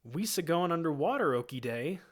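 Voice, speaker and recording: Jar Jar: man doing a goofy high-pitched amphibian alien. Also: animated, moderate pace, a bit bright. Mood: goofy pleading. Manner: broken pidgin speech, drawn out and goofy. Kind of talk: amateur screenplay reading.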